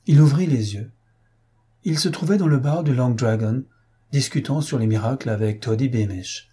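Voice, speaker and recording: A man reading a classic short story aloud in a measured, dramatic narration. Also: mid-range voice, mellow, husky. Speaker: audiobook narrator. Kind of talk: scripted literary narration.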